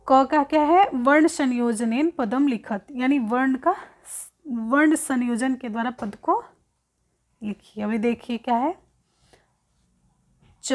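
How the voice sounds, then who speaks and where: Female teacher, higher-pitched, unhurried delivery, repeats each word while explaining the lesson. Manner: slow, repeats words, asks and answers own questions. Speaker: Sanskrit teacher.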